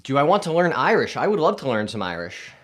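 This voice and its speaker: A man's voice: mid-range voice, very animated, quick pace. A man hosting a golf live stream, casually reading viewer comments aloud and answering them in an upbeat way.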